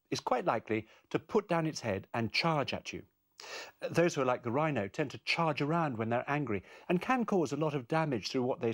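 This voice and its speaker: Calm man presenting a course. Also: mid-range voice. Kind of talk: scripted parenting course narration.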